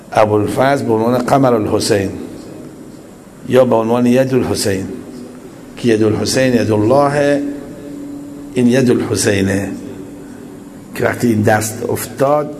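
A man delivers a religious sermon in a reflective, measured way, leaning on rhetorical questions. His voice sits a little low. A faint hiss of background noise lies under the recording. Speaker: cleric.

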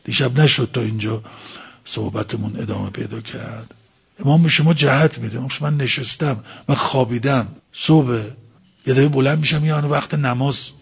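A man's voice: medium pitch, gravelly, husky. A man preaching a religious talk, explaining by asking and answering his own questions. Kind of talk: sermon.

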